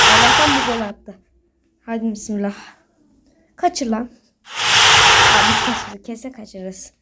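A female gaming video host gives casual commentary over a football manager game, getting worked up and scolding the on-screen players while talking to her viewers. Her voice is on the high side, her pace slow with long pauses, and the recording is very noisy.

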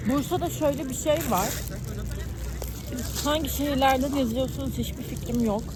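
A woman's voice: high voice, moderate pace. A young woman from Ankara chatting casually and talkatively, explaining things with everyday examples like a student vlogger. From Ankara, Turkey. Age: young adult. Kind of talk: casual chat over a meal. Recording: noisy urban ambience with traffic.

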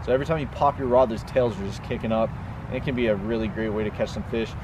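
A man's voice: medium pitch, steady tone, fast talker. A young man hosting a fishing video outdoors by a pond, explaining techniques in a chatty way with lots of fillers. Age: young adult. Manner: chatty, fillers like "you know" and "um". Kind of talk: casual outdoor instruction. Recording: outdoor recording with clear background noise.

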